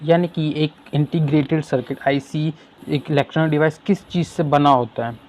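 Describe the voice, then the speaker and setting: A man tutoring for an exam, who asks questions and answers them himself and reads English sentences slowly. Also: fairly high pitch, fairly even intonation, darkish tone, slight background noise. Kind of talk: explaining exam questions in Hindi with English terms.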